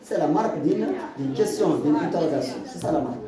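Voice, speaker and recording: A man teaches a grammar lesson, his pitch rising and falling a lot as he repeats and rephrases. He is picked up from across an echoing classroom, with the chatter of students clearly audible around him. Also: expressive, a little fast. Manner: repetitive, stammering restarts, explains with examples. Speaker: French teacher. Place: school classroom. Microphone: far from the mic. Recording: echoey classroom, far mic, student noise.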